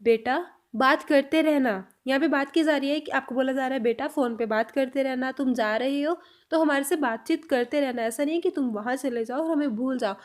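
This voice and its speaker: A woman teaching a spoken language lesson, saying each example sentence slowly and repeating it before she explains it. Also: sits high.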